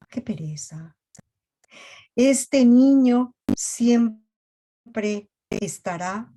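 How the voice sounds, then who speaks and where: A woman's voice: fairly low pitch, mellow. A woman therapist giving a reflective talk to parents, emphatic and full of "este" fillers, over a video call.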